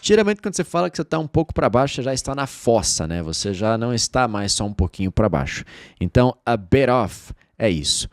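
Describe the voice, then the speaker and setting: A Brazilian man giving an English lesson in Portuguese, repeating phrases slowly for viewers to say aloud. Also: medium pitch, very animated, dry recording, studio quality. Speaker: English teacher.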